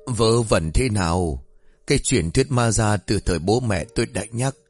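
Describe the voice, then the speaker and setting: A man voicing a frail, superstitious old grandmother in her seventies, who speaks in a weak, slow, whispery voice. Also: fairly low pitch, darkish tone, soft background music, lightly acted. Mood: fretful.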